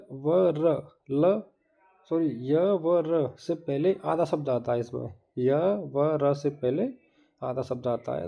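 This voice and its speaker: A man's voice: a little high, creaky, warm tone. A man teaching grammar in an exam-prep lesson, explaining step by step and repeating each term. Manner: explains step by step, repeating terms and asking the viewer to look.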